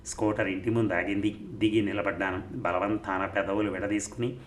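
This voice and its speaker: A man reading a story aloud as an audiobook narrator, at a steady, even pace. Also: fairly low pitch, brisk. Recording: roomy recording, faint noise.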